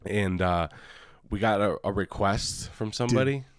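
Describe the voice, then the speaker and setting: A man's voice: on the low side, moderate pace, clean tone, no echo, clean studio sound. Man with a nasal cold voice. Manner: rambling, many likes and ums, laughs often. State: has a cold, nasal and deeper than normal. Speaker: podcast co-host. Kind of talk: casual chat.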